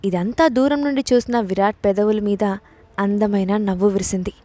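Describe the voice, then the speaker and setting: A woman storyteller giving scripted narration of an audio story, in a steady storytelling manner on a close mic. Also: mid-range voice, moderate pace.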